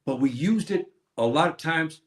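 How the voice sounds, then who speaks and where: Hosting a stream over a setup with a roomy sound, a man with a slightly high, expressive voice lectures on history at normal speed. His tone is preachy, and he poses questions only to answer them himself.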